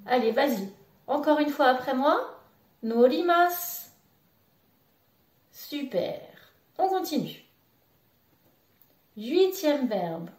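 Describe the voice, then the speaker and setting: A woman teaching a beginner Japanese lesson in French, slowly and patiently repeating each word for the learner to say after her. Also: high voice, darkish tone, recorded from a distance. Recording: roomy echo, voice a bit off-mic.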